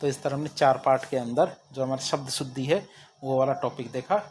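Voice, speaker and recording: A man's voice: medium pitch, fairly even intonation, fairly quick, darkish tone, a little hiss or hum. A man teaching a spelling lesson for exam students, asking each question and answering it himself. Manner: drills with repeated question-and-answer. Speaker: Hindi exam tutor.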